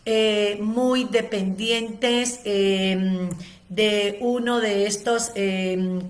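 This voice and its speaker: A woman's voice: medium pitch, a bit bright. A woman giving a spoken lecture on ADHD, explaining at length with frequent "eh" fillers and long lists. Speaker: ADHD educator giving a seminar.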